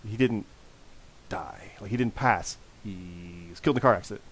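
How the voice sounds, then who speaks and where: Man, forties, hoarse and worn voice, podcast host, emphatic casual talk, dry close sound. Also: on the low side, moderate pace, fairly bright tone, no room sound. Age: 40s.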